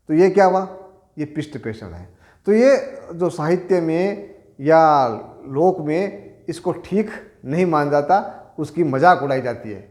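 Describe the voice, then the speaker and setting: A man's voice: sits high, darkish tone. Man teaching a hindi spelling lesson. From Rajasthan, India. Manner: explains patiently, asks and answers his own questions. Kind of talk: exam-prep spelling lesson.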